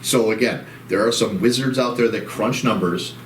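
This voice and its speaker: A co-host of a title company's real estate chat show speaks casually at a normal pace in a fairly low, soothing voice, rambling with restarts and ending on upbeat sign-offs. The mic is distant and the room audible, with faint background noise.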